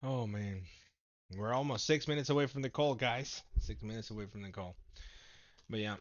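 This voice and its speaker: A man chatting through a casual stock market livestream, sliding from muttered asides to loud, laughing outbursts. His mid-pitched voice comes through a dull, lo-fi recording. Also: normal speed. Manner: animated, laughing, swings from mumbling to loud exclamations.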